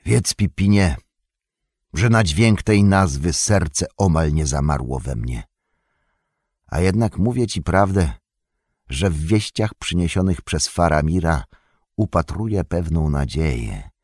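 A man's voice: lively intonation, darkish tone, no room sound, clean studio sound. A man reading as Gandalf, a grave old wizard. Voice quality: deep, slow and measured, drops to a whisper. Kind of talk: audiobook reading.

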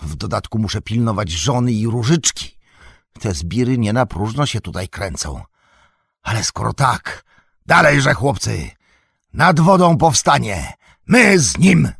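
A man voicing a gruff, bold old male hobbit farmer who speaks in hearty exclamations. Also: lowish voice, lively intonation, moderate pace, a little mellow, no room sound, clean studio sound, pitched above the performer's own voice.

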